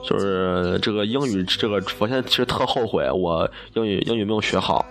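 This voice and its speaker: In a fairly low voice and a brisk pace, a young man from Xi'an, China, who studies broadcasting, tells funny stories. The monologue is casual and chatty, with plenty of self-mockery and laughter at his own humor.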